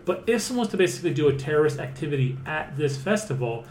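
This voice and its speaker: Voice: medium pitch, big pitch swings, fast, a little mellow. A podcast host chatting casually in a rambling, filler-heavy way that breaks into swearing. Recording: roomy with faint noise.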